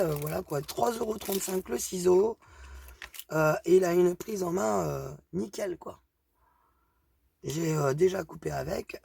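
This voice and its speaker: A woman's voice: fairly low pitch, vocal fry, darkish tone, a little hiss or hum. A woman with a thick regional accent chatting hesitantly through a craft haul, with plenty of fillers. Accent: strong regional accent. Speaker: craft vlogger showing a haul. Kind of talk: casual product show-and-tell.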